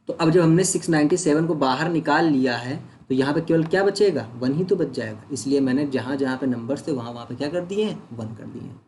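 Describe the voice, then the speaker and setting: Male maths teacher, a touch high-pitched, patient step-by-step explainer, faint noise behind. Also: a little fast, hardly any pauses, darkish tone. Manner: explains step by step, asks and answers his own questions; mixes English words into Hindi. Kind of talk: online doubt-solving lesson.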